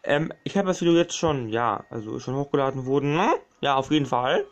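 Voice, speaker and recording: A man's voice: mid-range voice, lively intonation, brisk. Rambling gaming commentator man. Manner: rambling, repeats himself, says "meine Freunde" often; snaps at people interrupting him off-mic. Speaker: gaming YouTuber. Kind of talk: let's play commentary.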